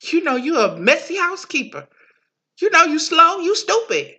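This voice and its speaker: A woman's voice: very high-pitched, sing-song, moderate pace, pushed and bright, voice pushed up, heavily acted. A woman voicing the mind as a slangy, mocking woman who coaxes and taunts the listener. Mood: taunting. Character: the mind personified, sassy coaxing woman, mocking.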